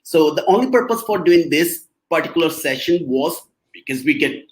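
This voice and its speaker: A man's voice: a little high, animated, normal speed, low-quality recording. Hesitant male guest expert. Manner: hesitant, with restarts and nonstandard grammar, laughs often. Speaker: SEO agency guest expert. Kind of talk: casual livestream presentation.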